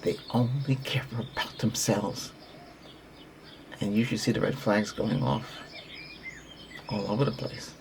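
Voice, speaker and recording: A man's voice: fairly low pitch, steady tone, measured pace, gravelly, long pauses, background noise. A man giving a Reiki healing talk in an earnest, repetitive, conversational way, often restarting his sentences. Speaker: Reiki practitioner.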